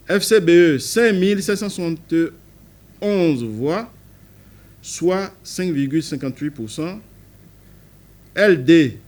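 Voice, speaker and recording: A man from Benin, serving as a court official, reads election results aloud in a formal way. His voice is fairly high and slightly mellow, and he stresses the party initials while correcting himself on some of the figures.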